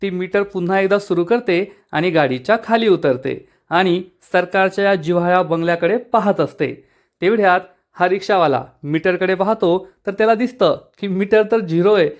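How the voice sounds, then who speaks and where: A man narrating a TV serial episode recap, storytelling in a lively way to his viewers. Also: sits high.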